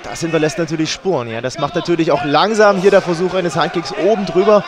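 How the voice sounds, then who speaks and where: Guy calling a fight as co-commentator, slightly high voice, loud crowd behind. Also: fast. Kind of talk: live sports commentary. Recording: noisy arena with loud crowd.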